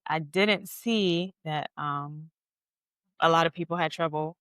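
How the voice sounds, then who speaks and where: A woman's voice: sits low, takes it slowly, a bit bright, clear, resonant tone, no echo. A woman guest on a podcast, candidly and reflectively telling her own story. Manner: candid, reflective, light laughs. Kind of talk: personal storytelling interview.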